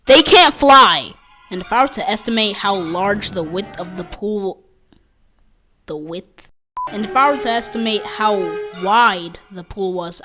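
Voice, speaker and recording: A woman's voice: mid-range voice, fairly bright tone. A young woman narrating a funny storytime animation in a playful, joking way, full of slang. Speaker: animator telling a childhood story. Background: background music.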